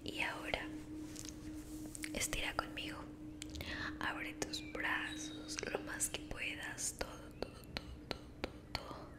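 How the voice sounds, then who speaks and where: Slow, whispering woman, soothing whispered role-play. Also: high voice. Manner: soothing, encouraging, slow, uses affectionate diminutives. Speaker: ASMR creator guiding the listener.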